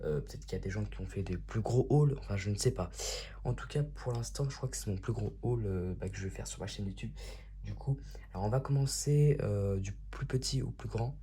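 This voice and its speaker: A man's voice: fairly low pitch, dark tone, slight background noise. A man hosting a casual unboxing vlog, talking in a chatty and enthusiastic way. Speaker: YouTube host.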